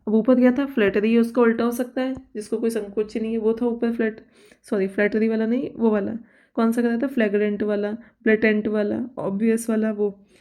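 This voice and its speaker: Female vocab tutor, mellow, monotone delivery, self-correcting. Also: a little high. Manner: explains by listing synonyms, checks with "theek hai"; reads English example sentences slowly and deliberately. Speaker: vocabulary teacher. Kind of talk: exam-prep vocabulary lesson.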